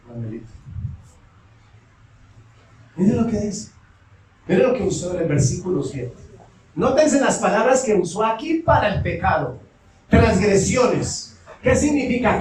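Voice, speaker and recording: A male pastor preaching a language sermon, impassioned and shouting at the peaks. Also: high voice. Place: church hall. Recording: very echoey room, distant mic.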